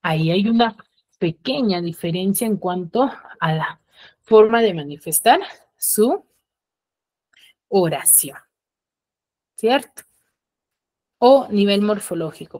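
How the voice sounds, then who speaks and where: A woman teacher from the highlands, giving an online class and checking in with her students through frequent tag questions. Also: darkish tone. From Peruvian highlands.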